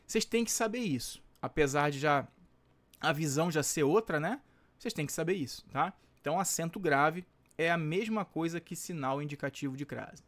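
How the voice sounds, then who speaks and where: A man's voice: a little high, fairly bright tone. A Brazilian Portuguese-accented male teacher, going through exam questions and checking in with the class after nearly every sentence. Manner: chatty, checks in constantly with tag questions; stretches out example words slowly. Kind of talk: exam-prep lesson solving test questions.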